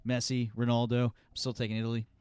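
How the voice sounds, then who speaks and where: A man co-hosting a soccer podcast, excitable and rambling, swearing freely. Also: mid-range voice, fast, a crowd in the background. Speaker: podcast co-host. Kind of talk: casual chat.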